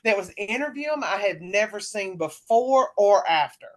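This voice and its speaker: A woman on a podcast panel, chatting casually in an animated, mocking way with quick asides. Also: medium pitch. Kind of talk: casual chat.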